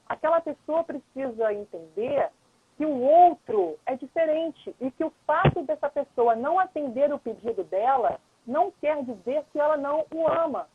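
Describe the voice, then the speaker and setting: A woman's voice: high voice, slightly rough, no echo. A woman lawyer and mediator, a guest on a live stream, explaining patiently in a casual chat and often checking in with the listener. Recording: dull lo-fi live-stream audio, dry.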